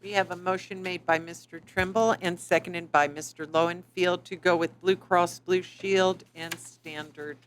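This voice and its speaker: A woman chairing a board meeting, running motions and votes in a brisk, procedural way. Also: lowish voice, fairly even intonation.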